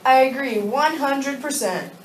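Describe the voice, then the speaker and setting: A sock-puppet leader, played by a young woman in an amateur show, reciting stiffly. The voice is fairly high and comes from off the mic in a very echoey room. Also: measured pace. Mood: polite, formal. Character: sock-puppet Confederate leader, commanding interviewer. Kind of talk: amateur puppet-show role-play, scripted. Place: darkened room with projection screen, puppeteers low at front. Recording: echoey room, distant mic, faint noise.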